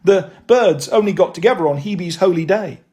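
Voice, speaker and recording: A man's voice: high-pitched, normal speed, darkish tone. A man reading a first-person novel aloud, with a wry, dry delivery. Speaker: audiobook narrator.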